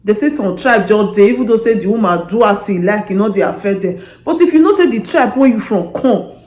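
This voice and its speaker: A woman with a Nigerian accent speaking Pidgin as a host, giving casual, animated advice to her audience. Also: mid-range voice, a little fast. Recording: echoey, roomy sound.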